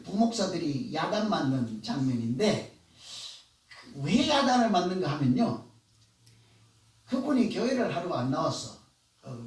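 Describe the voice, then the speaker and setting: A man preaching a sermon as pastor, talking conversationally and asking the congregation questions. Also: high voice. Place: church sanctuary. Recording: echoey church hall, voice from far off.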